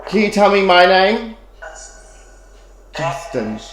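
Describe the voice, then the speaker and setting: High-voiced man on a nervous night vlog. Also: lively intonation, normal speed. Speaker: vlog host leading a Ouija board session. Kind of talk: spooky night challenge vlog, questioning spirits. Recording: echoey room with background noise.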